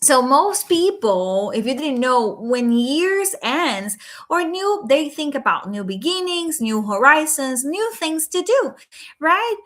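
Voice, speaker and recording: A high, sing-song voice with a fairly bright tone comes through slowly as a Puerto Rican life coach hosts a nighttime livestream from home. A native Spanish speaker with a Puerto Rican Spanish accent, she's casual, earnest, and chatty, with lots of "um" and "right?"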